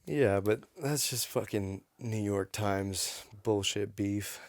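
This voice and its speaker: A man's voice: lowish voice, slow pace, dry recording. A man in casual podcast chat, rambling, profane and opinionated on a close mic.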